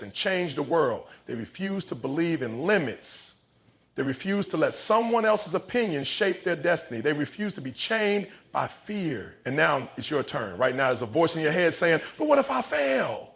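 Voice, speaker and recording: Man, motivational pep speech, rough creaky grain, somewhat raised pitch, emphatic, short punchy lines, dramatic swells. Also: a bit bright. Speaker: motivational speaker. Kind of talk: scripted motivational speech, like a halftime pep talk.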